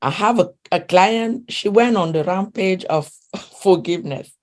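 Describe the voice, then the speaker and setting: A relationship coach, a woman with a non-native accent in English, talks earnestly in a conversational interview at a medium pitch and a slightly slow pace. She often restarts her sentences and laughs softly along the way.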